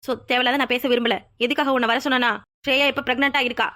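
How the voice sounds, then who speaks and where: A woman's voice: sits high, flat delivery, very fast, bright, forceful tone. A woman voicing an outspoken young woman who confronts her friend's ex in a cartoon drama. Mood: confronting. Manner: confrontational, demanding. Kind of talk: cartoon voice acting.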